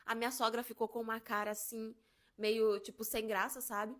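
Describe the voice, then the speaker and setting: A young woman casually telling a personal story, animated and acting out the quotes. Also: a little high, moderate pace.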